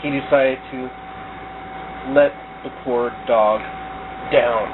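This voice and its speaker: A man narrating his turn in a storytelling card game, playful and lively. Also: medium pitch, takes it slowly. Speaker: player narrating. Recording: tinny lo-fi home recording with noise.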